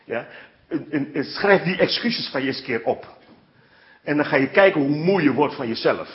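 A man preaching a sermon with lively storytelling, often checking in with his listeners. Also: fairly high pitch, moderate pace, lo-fi sound. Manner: animated storytelling with frequent "ja" and "hè".

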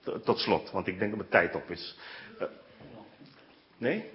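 A man preaching a sermon with lively storytelling, often checking in with his listeners. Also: sits low, unhurried, dull audio. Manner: animated storytelling with frequent "ja" and "hè".

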